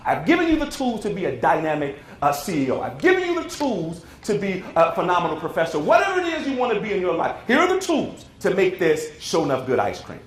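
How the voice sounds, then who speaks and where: A man's voice: high-pitched, huge pitch swings, quick pace, hardly any pauses, slight background noise. A man voicing a stern but loving old grandmother who speaks firmly and wisely, in a roomy hall. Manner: firm, scolding, then gently wise.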